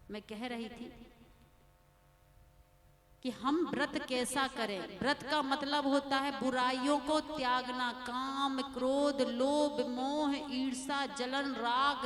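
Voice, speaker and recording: A woman preacher giving a religious discourse, telling stories and repeating key words for emphasis. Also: high-pitched. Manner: storytelling, emphatic rhetorical repetition. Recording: long hall reverb with audience noise.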